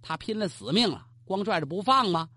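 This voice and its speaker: A storyteller telling a historical tale in the traditional Chinese style, lively and colloquial, turning to address the listener. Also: mid-range voice, fairly quick, slightly rough, dry recording. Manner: animated, colloquial, asides to the listener.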